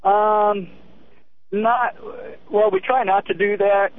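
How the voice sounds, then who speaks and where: A man, an army sergeant phoning a radio show, speaking informally and haltingly, repeating his words. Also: sits high, fairly even intonation. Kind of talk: informal call-in interview. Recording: tinny noisy phone line.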